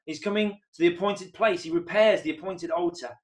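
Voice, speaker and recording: A man's voice: high-pitched, a little fast. Earnest man preaching from home. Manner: earnest, rises to excited emphasis on key points. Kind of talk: sermon. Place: home room, indoors.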